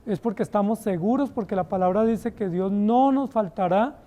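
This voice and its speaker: Colombian pastor guy preaching, high voice but mellow, keeps asking the church if they get it. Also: moderate pace. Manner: emphatic, rhetorical questions to the congregation. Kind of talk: sermon.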